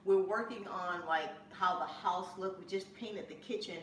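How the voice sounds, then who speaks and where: A woman hosting a home cooking live stream, chatting in a rambling way with bursts of excitement, from her kitchen. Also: on the low side, normal speed. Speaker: cooking channel host. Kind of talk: casual live-stream chat. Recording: echoey room, mic at a distance, faint room noise.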